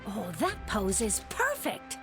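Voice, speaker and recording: A woman's voice: medium pitch, wildly swooping pitch, slow, heavily acted. A woman playing an eager young event photographer in a video game, bubbly and encouraging. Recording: game music behind.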